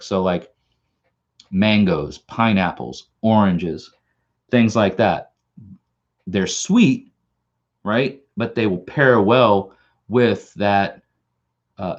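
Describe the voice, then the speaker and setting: Here a Long Island, New York man hosts his channel's casual live stream, rambling in the local accent and repeatedly restarting and repeating words. His voice is on the low side, and the audio sounds dull.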